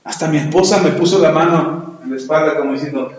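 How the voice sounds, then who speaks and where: A middle-aged man, preaching a sermon in an earnest, animated way, often with rhetorical questions. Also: a little high, quick pace, muffled recording, heavy background noise. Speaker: pastor. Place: church. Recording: very echoey church room.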